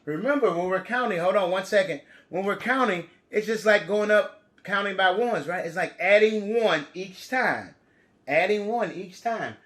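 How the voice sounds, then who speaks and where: A man's voice: high voice, moderate pace, few pauses, fairly bright tone. An American man teaching young children, talking as if reading to a toddler, with simple questions and repeated phrases. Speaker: preschool and kindergarten teacher. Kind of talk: children's TV lesson, storytelling and counting.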